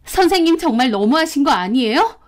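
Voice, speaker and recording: A woman's voice: sits high, big pitch swings, brisk, voice pushed up. Woman playing an agitated teenage schoolgirl. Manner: agitated, accusing. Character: angry teenage schoolgirl confronting her teacher.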